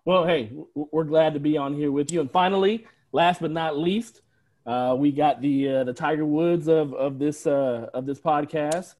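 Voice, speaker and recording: A man's voice: fairly high pitch, normal speed, a little mellow. A man hosting a podcast with informal, bantering chat. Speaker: podcast host. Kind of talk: casual chat.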